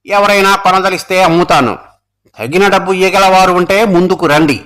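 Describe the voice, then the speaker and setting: Anguished noble king read by a man, solemn and bright-toned. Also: high-pitched, moderate pace. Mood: grave. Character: proud grieving king, middle-aged man.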